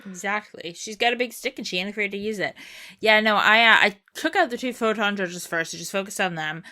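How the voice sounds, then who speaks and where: A woman's voice: mid-range voice, a little fast, sharp tone. A woman co-hosting a casual chat, explaining a video game's story in a rambling way. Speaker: podcast co-host.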